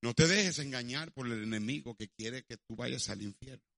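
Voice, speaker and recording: Bright-voiced male preacher. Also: mid-range voice, moderate pace, vocal fry, no room sound, clean studio sound. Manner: dramatic, shifts to prayer. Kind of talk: evangelistic sermon with story.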